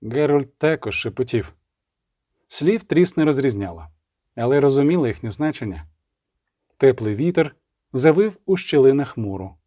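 Mellow man narrating a story. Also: mid-range voice, dry recording, studio quality. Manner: steady, measured storytelling. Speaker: audiobook narrator. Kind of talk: scripted narration.

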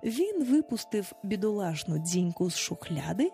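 Expressive woman narrating a storybook. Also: mid-range voice, moderate pace, faint music behind. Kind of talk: audiobook narration.

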